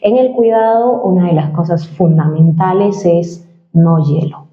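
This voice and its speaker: A woman with an unhurried delivery and a voice on the low side talks through voice exercises in an interview, frequently capping points with a question tag. She works in voice-over and dubbing and is giving voice-training advice, recorded in a roomy, slightly dull space.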